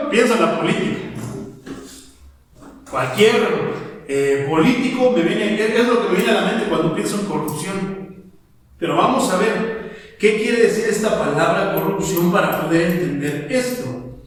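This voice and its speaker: High-voiced preacher in an echoing hall. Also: male voice. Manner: reads verses slowly, asks the congregation questions. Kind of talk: expository Bible sermon. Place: church sanctuary. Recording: echoey church hall from far off.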